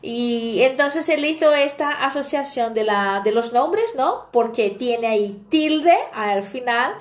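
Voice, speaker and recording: High-voiced woman teaching casually. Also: expressive, takes it slowly. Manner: chatty, explaining with anecdotes and frequent "¿bien?". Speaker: language teacher. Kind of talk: online language lesson.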